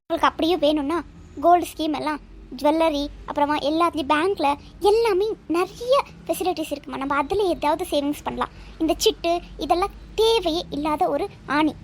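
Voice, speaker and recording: Brief: high, lecturing cartoon son, voiced by a woman, exasperated with his mother. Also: brisk, slight background noise. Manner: lecturing, nagging. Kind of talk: cartoon voice acting.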